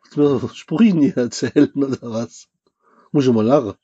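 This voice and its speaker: Raspy, teasing middle-aged man. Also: medium pitch, brisk, dark tone, no room sound. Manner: teasing, rambling, self-amused. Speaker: vlog host, partner. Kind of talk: casual teasing chat. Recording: dull muffled dry sound.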